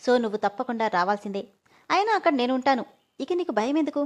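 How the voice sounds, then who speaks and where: A man's voice: very high voice, animated, quick pace. A woman voicing a stubborn young male boss who speaks firmly and insistently. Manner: firm, insistent. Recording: dull lo-fi audio.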